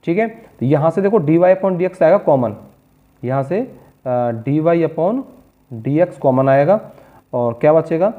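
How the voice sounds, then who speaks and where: A man teaches a board-exam maths lesson in a patient, coaxing way, often checking that his students are keeping up. His voice sits a little high for a man. The sound is thin and tinny, like a phone line. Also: expressive, a little slow. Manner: patient, coaxing, calls students "beta" and "bachche".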